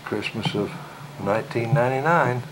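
A man narrating a family home video from behind the camcorder, chatty and relaxed, recorded on an old VHS tape. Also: medium pitch, normal speed, very noisy. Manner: relaxed, chatty, mumbling asides. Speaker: home video camera operator. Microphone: camcorder built-in mic.

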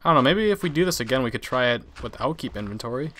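Young male gamer, dry and teasing, mid-pitched, over a voice-chat mic. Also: rapid-fire. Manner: dry, teasing, deadpan jokes. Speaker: gaming channel co-host. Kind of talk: casual gameplay chat.

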